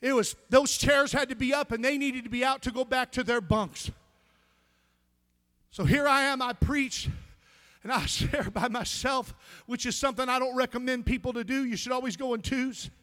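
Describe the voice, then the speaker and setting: A male pastor preaching an impassioned sermon, building up to shouted commands and telling a story from his ministry. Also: very high voice, moderate pace.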